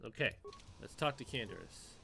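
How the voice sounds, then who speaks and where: A man's voice: mid-range voice, lively intonation, normal speed, vocal fry, noisy background. A man playing through a video game, reading dialogue aloud and commenting casually. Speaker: gamer doing a playthrough.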